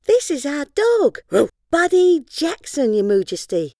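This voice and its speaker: Eager young storybook girl, bright and high, voiced by a woman. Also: unhurried, no room sound, clean studio sound, heavily acted. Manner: excited, proud.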